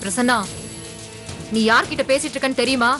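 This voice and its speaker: Brief: actress as a threatening, accusing woman, high voice, clear music bed under. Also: fairly even intonation, fairly quick, close to an everyday voice. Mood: menacing. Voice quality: menacing, accusing. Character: vengeful woman threatening a man. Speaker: character in a TV serial. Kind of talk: TV serial acting. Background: dramatic background score.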